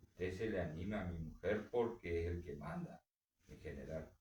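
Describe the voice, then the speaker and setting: A man voicing a humiliated gaucho husband who answers in a low, hushed voice, recorded in a roomy space from a distance. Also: measured pace, slight background noise. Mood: bitter. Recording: roomy echo, distant mic.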